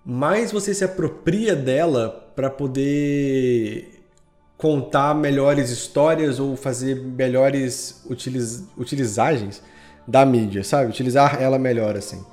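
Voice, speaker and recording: This Brazilian podcast guest, who creates and edits audio dramas, has a medium-pitched, darkish voice and speaks slowly while faint music plays behind. The interview is a casual chat, and he's enthusiastic, slangy and prone to rambling.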